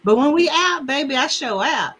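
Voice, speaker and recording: A middle-aged woman counselor chatting casually and telling lively stories, often laughing and mimicking the people she quotes. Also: high-pitched, moderate pace, a crowd in the background. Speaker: relationship counselor guest. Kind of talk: casual conversation.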